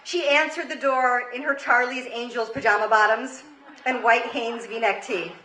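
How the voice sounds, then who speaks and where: A woman in her thirties from Queens, New York, a show host and comedy storyteller, performs a funny story live with dramatic emphasis. Her voice is a little high, bright and forceful, steady in tone and moderate in pace. It's a roomy stage recording with faint background noise.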